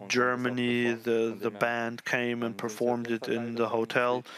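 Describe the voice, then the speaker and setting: Man, live press conference interpreter, halting restarts, flat slow delivery, press room crowd noise. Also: medium pitch.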